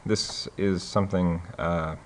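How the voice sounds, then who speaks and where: A man with a very low voice hosts a casual screen-recorded tutorial. His delivery is relaxed, loose and halting, full of fillers and restarts, with a light hiss in the background.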